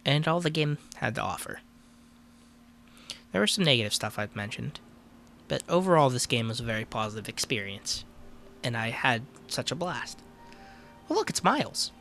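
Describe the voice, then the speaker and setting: A man's voice: mid-range voice, moderate pace, gravelly, long pauses, fairly bright tone, soft background music. A man casually commentating his gameplay, chatty and offhand with frequent swearing. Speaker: let's play host.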